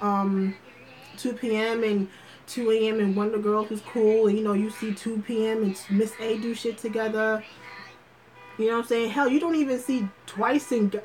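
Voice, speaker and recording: A woman holds a casual livestream chat at a mid pitch, talking loosely and thinking aloud as she goes. Her speech is slangy and profane, with lots of fillers and restarted sentences. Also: a little mellow, rough recording. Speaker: livestream host.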